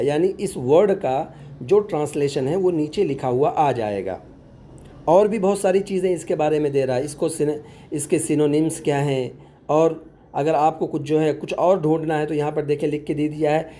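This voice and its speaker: A man's voice: on the high side, mellow. A man working as an online tutor, patiently explaining a phone app step by step in a tutorial voice-over and repeating words as he goes.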